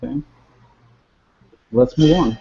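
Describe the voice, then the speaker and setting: Man, joking, teasing, gravelly voice, muffled call audio. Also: medium pitch, huge pitch swings, slow, dark tone. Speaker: panel host. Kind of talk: casual video call chat. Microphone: video call. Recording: dull lo-fi video call audio.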